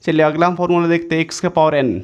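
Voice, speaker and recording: Guy w/ an indian going over maths formulas, kinda high voice, says everything twice. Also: steady tone, racing, clear, resonant tone, lo-fi sound. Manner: repetitive, restates each step several times; self-correcting, says sorry mid-explanation. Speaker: maths teacher. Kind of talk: exam-prep maths lesson.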